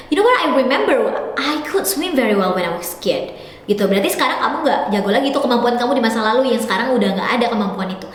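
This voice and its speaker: A woman with a high voice gives a live-streamed grammar lesson. She talks quickly and slips between two languages. Her voice rings in a very echoey room with a long reverb tail. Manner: fast-talking, mixes Indonesian with English; calls viewers "sayang" affectionately. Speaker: English teacher.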